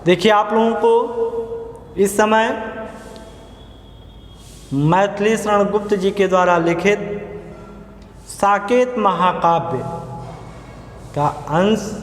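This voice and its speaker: High-pitched guy teaching a poem, slow, repeats everything, echoey room. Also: slight background noise. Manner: slow, repeats and explains each line, sings the verses. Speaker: Hindi teacher. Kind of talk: classroom poetry lesson, chanting verses. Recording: echoey room with long reverb.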